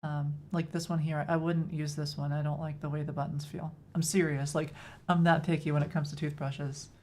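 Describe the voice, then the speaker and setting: A Texan woman streams herself coding and chats casually with her live audience, answering their questions and poking fun at herself. Her Texan-accented voice is low-pitched and dark, with little pitch movement and a moderate pace.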